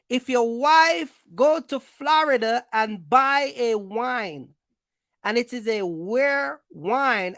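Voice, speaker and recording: Speaking to viewers in an informal explainer, a trucking channel host offers advice bluntly and emphatically, leaning on slang and repetition for stress. Her high-pitched voice has a fairly bright tone, in a dry, studio-quality recording.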